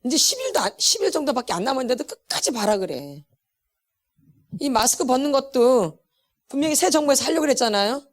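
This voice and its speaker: A middle-aged woman teaching a church healing class, with an animated, emphatic delivery that repeats words for stress and laughs between lines. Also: high-pitched, fast talker. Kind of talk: church lecture.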